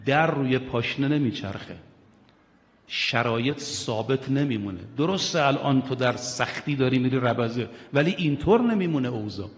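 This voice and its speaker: Impassioned preacher, man, echoing hall. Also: medium pitch. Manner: impassioned, swings between hushed and loud; addresses listeners directly, urging and questioning. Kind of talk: religious sermon. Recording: long hall reverb.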